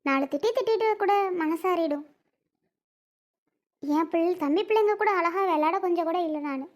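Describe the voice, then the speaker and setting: Woman playing a shrill, hurt sister-in-law. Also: moderate pace. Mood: hurt pleading. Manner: pleading, repetitive complaining questions. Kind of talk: family drama skit acting.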